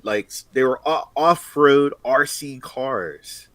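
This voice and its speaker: A man co-hosting a casual chat, telling nostalgic stories with excited exclamations. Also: mid-range voice, takes it slowly, dry recording. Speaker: co-host.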